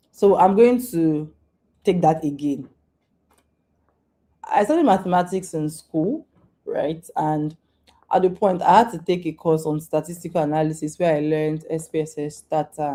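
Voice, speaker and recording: A woman's voice: deep voice, dark tone. A woman answering questions in a live online session, talking informally with repeats and restarts in a coaching tone. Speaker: guest speaker on data careers. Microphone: video call.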